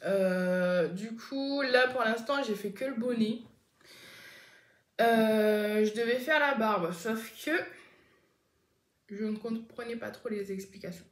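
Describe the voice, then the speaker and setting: Slow-talking chatty woman, echoey room. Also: mid-range voice. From France. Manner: chatty, rambling, many fillers and self-corrections. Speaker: knitting podcast host. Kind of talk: casual knitting vlog chat. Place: indoors at home, seated on a chair.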